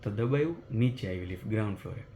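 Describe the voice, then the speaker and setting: A man, telling a story as a vlogger in a chatty, animated way, recorded in his apartment at night. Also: fairly low pitch, racing, a little hiss or hum. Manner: animated retelling of a mishap, chatty and conversational. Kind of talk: casual vlog storytelling.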